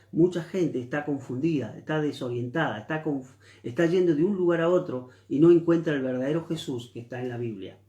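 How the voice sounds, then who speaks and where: Argentine male pastor, fairly high voice, earnest sermon in a reverberant room. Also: warm tone. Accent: Argentine Spanish. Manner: earnest preaching with repeated phrases.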